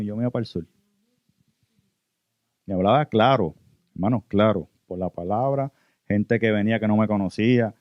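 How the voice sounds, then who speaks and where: A Puerto Rican man with a lowish voice and a Puerto Rican Spanish accent delivers an earnest sermon testimony, repeatedly calling listeners brothers. The recording is dry and lo-fi.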